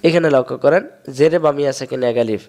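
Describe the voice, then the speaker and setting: A man from Bangladesh, teaching Quran reading step by step and drawing out sounds slowly to show them. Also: fairly high pitch, a little mellow. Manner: explains step by step, drawls sounds slowly to demonstrate. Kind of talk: recitation lesson.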